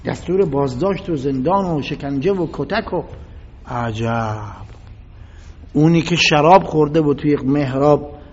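High, animated male lecturer in a hall. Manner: reads Arabic passages, then retells them in Persian; dramatic, emphatic storytelling. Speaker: religious lecturer. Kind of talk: religious history lecture. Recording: reverberant hall, dull lo-fi sound.

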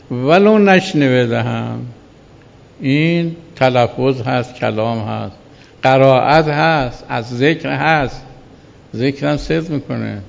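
Gravelly man lecturing in an echoey hall. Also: mid-range voice, slight background noise. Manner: explanatory, asks "right?" to check understanding. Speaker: seminary teacher. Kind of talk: jurisprudence lecture. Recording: dull echoey recording in a large hall.

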